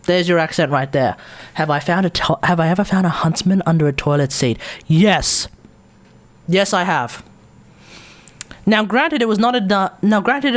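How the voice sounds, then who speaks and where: A game streamer with an Australian accent, chatting casually with blunt, sweary, mocking remarks. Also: medium pitch. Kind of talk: casual livestream commentary.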